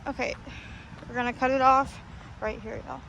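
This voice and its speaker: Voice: medium pitch, fairly even intonation, normal speed, vocal fry, bright, forceful tone, dull audio. A paranormal vlogger, out of breath, rambling and apologetic, talking casually to viewers outdoors. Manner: rambling, apologetic, restarts mid-sentence. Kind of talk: casual vlog talk to viewers. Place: outdoors in a hilly, windy graveyard. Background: faint wind noise.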